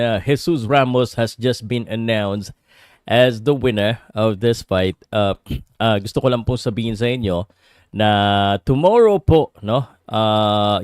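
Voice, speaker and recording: A man with a Filipino accent hosts a casual boxing livestream, chatting with viewers and switching between English and Tagalog in a halting way. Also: lowish voice, clean tone, dry recording, studio quality. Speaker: livestream host and boxing commentator.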